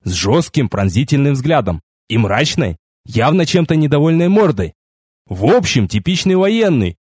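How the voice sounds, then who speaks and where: A man reading a first-person fantasy novel aloud with wry, lively storytelling. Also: a little high, normal speed, slightly rough, no echo, clean studio sound. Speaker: audiobook narrator.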